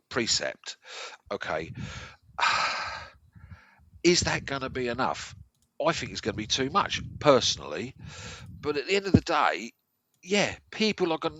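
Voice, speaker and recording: Bright, animated Englishman with toothless articulation. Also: medium pitch, dry recording. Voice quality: slightly slurred, toothless articulation. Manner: emphatic, repeats phrases for stress. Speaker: local resident on a discussion panel. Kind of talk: opinionated discussion of local affairs.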